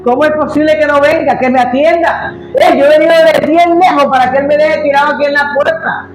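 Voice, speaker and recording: A preacher acting out a haughty, indignant general. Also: male voice, extremely high pitch, slow pace, a bit bright, faint music behind, pitched above the performer's own voice, exaggerated voice, low-quality recording. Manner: haughty, demanding questions. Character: proud, indignant foreign army general, male.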